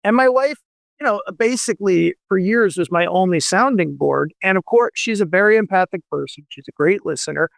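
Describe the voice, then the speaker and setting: Here a man in his forties, a novelist appearing on radio, speaks fairly quickly in a high register with vocal fry and no echo. The interview is casual, and his talk meanders, packed with fillers and restarted sentences.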